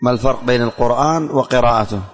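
A man teaching a religious lesson in a classroom, speaking slowly and deliberately, repeating lines for students to write down and quizzing them. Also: medium pitch. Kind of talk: classroom lesson dictating and explaining verses. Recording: long hall reverb, faint music.

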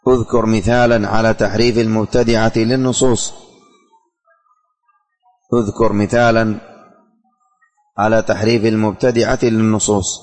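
A man's voice: lowish voice, little pitch movement, normal speed, pauses often, darkish tone, faint music behind. A male teacher leading a religious lesson, repeating questions and quizzing his students. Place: classroom. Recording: long hall reverb.

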